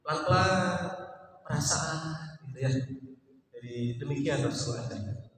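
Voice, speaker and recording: Preacher in a booming hall. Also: male voice, normal speed. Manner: lively storytelling, mimics voices, chants Arabic phrases. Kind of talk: mosque sermon. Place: mosque hall. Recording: echoey hall from far off.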